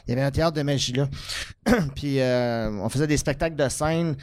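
A man's voice: medium pitch, a little fast, a little mellow, clean tone, dry recording. A man with a Quebec French accent, a stage magician, telling an anecdote in casual chat with some hesitation.

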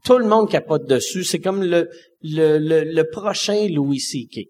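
A man in his forties with a Québécois accent, a stand-up comedian telling a story in casual talk, swearing freely and dropping low for punchlines. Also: animated, unhurried, darkish tone, a little hiss or hum. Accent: Québécois French. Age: 40s.

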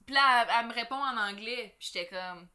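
Bright-voiced Quebec French woman chatting. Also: on the high side, quick pace. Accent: Quebec French, faint Beauce traces. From Beauce, Quebec. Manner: chatty, many fillers, animated laughter. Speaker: podcast guest. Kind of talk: casual podcast chat.

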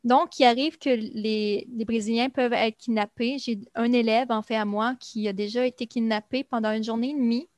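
A young woman talks in an easy, chatty way, stopping often on small fillers as she explains. Her voice sits a little high. The sound is close and dry, with no room around it. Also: fairly even intonation, normal speed, few pauses, darkish tone, no room sound. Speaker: guest recounting life in Brazil. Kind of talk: casual conversation.

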